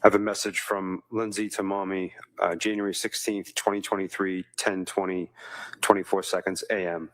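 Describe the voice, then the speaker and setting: A man's voice: low-pitched, flat delivery, moderate pace, fairly bright tone, dry recording. A man testifying as a witness in a courtroom recording, answering formally and briefly and addressing the lawyer as sir. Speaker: trial witness.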